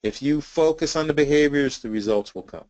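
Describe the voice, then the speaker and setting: A man's voice: a little high, a little fast, darkish tone, no echo, highs cut off. A man presenting a sales training webinar in an earnest coaching tone, with a slight cough. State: intermittent cough.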